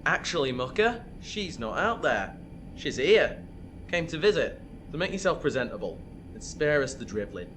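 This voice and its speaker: A man's voice: a little high, very animated, moderate pace, a bit bright, voice pushed down. An actor playing a sneering, cruel male prison guard who taunts his prisoner. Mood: mocking. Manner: mocking, gloating, taunting. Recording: faint background noise.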